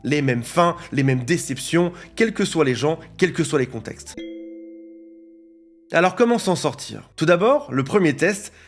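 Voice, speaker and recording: A man's voice: fairly high pitch, lively intonation, measured pace, soft background music. A man coaching viewers on psychology, explaining ideas in a direct, teaching way. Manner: didactic, addresses viewer directly, lists examples.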